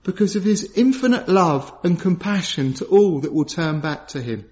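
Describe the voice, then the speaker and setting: A man preaching a sermon in an earnest, solemn way. He repeats key phrases for emphasis and swings from raised, urgent questions to low, hushed gravity. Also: expressive, moderate pace. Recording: dull lo-fi sound.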